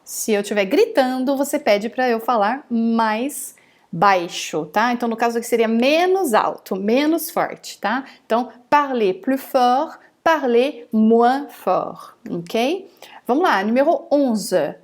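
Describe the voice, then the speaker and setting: A woman's voice: a little high, expressive. A woman teaching French phrases in an online lesson, saying each phrase carefully twice and then explaining it. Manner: slow, careful modelling of phrases, repeated twice.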